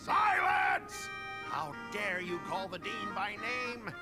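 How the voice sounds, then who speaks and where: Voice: mid-range voice, expressive, a little slow, lightly acted. An actor voicing a hot-headed, aggrieved schoolboy in a game, bombastic and indignant. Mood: pompous outrage. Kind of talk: theatrical scripted game voice acting. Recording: voice over loud game music.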